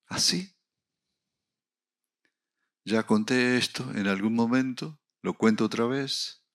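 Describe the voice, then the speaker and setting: A middle-aged man preaching a sermon, telling a personal story with acted dialogue and rising to loud, emphatic peaks. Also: fairly low pitch. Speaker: pastor.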